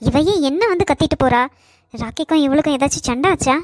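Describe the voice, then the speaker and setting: A woman voicing a calm, puzzled senior college girl in a cartoon. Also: high-pitched, fast talker, no room sound, lightly acted. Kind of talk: Tamil cartoon voice acting.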